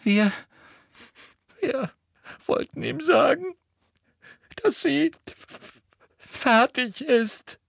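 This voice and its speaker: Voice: mid-range voice, measured pace, pushed and bright, pitched above the performer's own voice. A reader voicing a teenage schoolgirl in an audiobook, who sobs, whines and stammers. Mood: sobbing. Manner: sobbing, stammering and whiny. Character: sobbing, whining teenage schoolgirl. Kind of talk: audiobook character voice.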